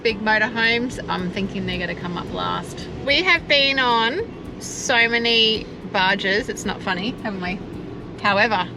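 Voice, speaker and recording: An Australian woman talks casually to viewers as a travel vlogger. Her voice sits at a middle pitch, informal and chatty, with music clearly playing behind it. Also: rough recording. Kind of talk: casual vlog chat.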